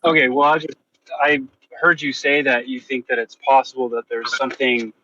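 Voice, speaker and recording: A man with a bright, husky voice, posing careful questions in an online philosophy debate. He probes tentatively and rephrases as he goes. His voice comes through a dull, lo-fi voice chat line. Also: medium pitch, flat delivery, moderate pace, dry recording.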